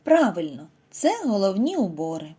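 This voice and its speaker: A woman giving a scripted reading lesson to first graders, speaking clearly and stretching out example words slowly for the children. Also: mid-range voice, big pitch swings, dark tone. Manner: slow, over-articulated model words for children. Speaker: primary school teacher.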